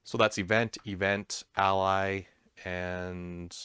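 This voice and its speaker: A man's voice: sits low, little pitch movement, takes it slowly, bright, forceful tone, clear, resonant tone, no echo, clean studio sound. A man hosting a casual board game stream, explaining the rules with self-deprecating asides. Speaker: host.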